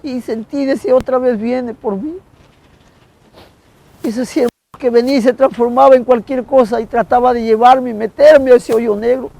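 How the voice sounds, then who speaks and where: A man telling an emotional religious testimony in a halting way, again and again calling his listener "brother". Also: very high-pitched, fairly even intonation, gravelly, a little mellow, rough recording. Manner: halting, keeps addressing the listener as "hermano". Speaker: guest giving a religious testimony.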